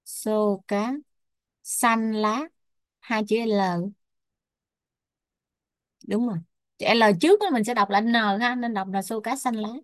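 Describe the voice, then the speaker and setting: Một người phụ nữ đang giảng bài, đọc chậm từng thuật ngữ, đánh vần rồi giải nghĩa như cho học viên chép. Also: female voice, fairly high pitch, no room sound, studio quality. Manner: spells out Pali terms and glosses them slowly. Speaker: Buddhist Abhidhamma teacher. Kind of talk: slow dictation-style teaching.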